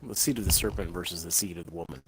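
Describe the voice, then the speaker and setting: A man's voice: low voice, racing, a little hiss or hum, low-quality recording. A man talking casually about scripture with friends, thinking aloud and repeating words, his volume jumping and dropping as his mic cuts out. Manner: thoughtful, repeats words while finding phrasing. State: uneven volume, voice drops in and out from a cutting-out mic. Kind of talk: casual Bible talk during an online game.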